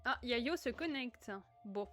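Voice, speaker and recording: A woman's voice: a little high, slow pace, music in the background. Chatty French woman streaming a game. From northern France. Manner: chatty, reads chat aloud, sudden excited outbursts. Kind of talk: casual gaming livestream chat.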